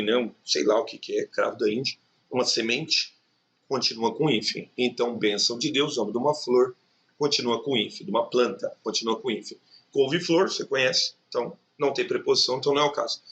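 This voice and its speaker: A man's voice: medium pitch, a bit bright. A man teaching an exam review lesson, explaining each answer step by step and checking in with the listener.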